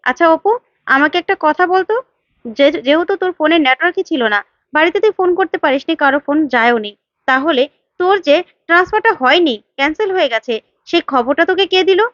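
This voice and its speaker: Sharp-tongued neighbor woman, scolding, high-pitched, put on by a female narrator. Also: animated, fast, no echo, lo-fi sound. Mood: probing. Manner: scolding, fault-finding.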